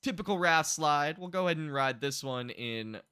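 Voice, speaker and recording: A man doing casual, excitable gameplay commentary, joking and swearing freely as he tours his theme park. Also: fairly high pitch, moderate pace, clear, resonant tone. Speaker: streamer showing a theme park build.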